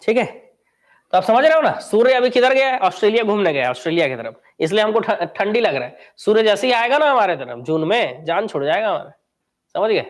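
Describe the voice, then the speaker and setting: Male coaching teacher, high voice, chatty lecturing that quizzes the class. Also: animated, fast talker. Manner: chatty, quizzes students and answers himself. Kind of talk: live online class lecture.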